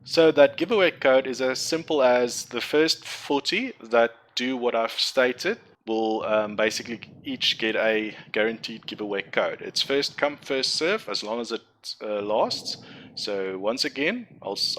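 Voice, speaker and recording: A young man whose first language is Afrikaans talks through a card game deck build as a gaming content creator, rambling and correcting himself in chatty, casual tutorial commentary. His medium-pitched, slightly bright voice moves at normal speed. The audio is poor, with a little hiss or hum.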